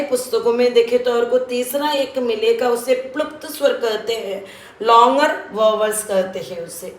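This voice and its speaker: A woman's voice: fairly high pitch, reverberant. A woman from South India with a South Indian accent, teaching children a Hindi grammar lesson patiently, repeating and drilling sounds and mixing in English words.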